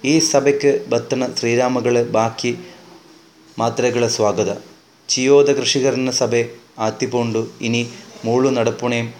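A man voicing a stout young man giving a slow, formal welcome speech at a village meeting, in an audiobook. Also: mid-range voice, fairly even intonation, a little mellow, slight background noise, close to an everyday voice. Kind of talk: audiobook narration.

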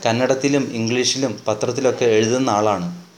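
A man voicing a local villager who slowly explains things to a newcomer, in an audiobook reading. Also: mid-range voice, steady tone, lightly acted. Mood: explaining. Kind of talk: audiobook narration.

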